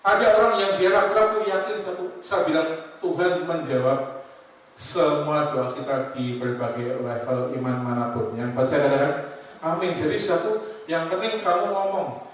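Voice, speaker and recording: A male pastor preaching a sermon, animated, often addressing the congregation and then dropping to quiet asides. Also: fairly high pitch, normal speed. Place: church hall. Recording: echoey church hall, mic at a distance.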